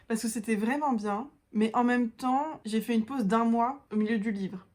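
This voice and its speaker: A woman's voice: fairly high pitch, moderate pace, darkish tone. A woman book vlogger chatting casually through a tier-list review of her reads, thinking aloud with hesitations, enthusiastic and self-mocking.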